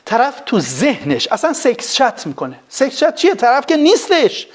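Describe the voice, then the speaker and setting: A man, a psychologist, giving an animated lecture on a live stream, full of rhetorical questions. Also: very high voice. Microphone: phone.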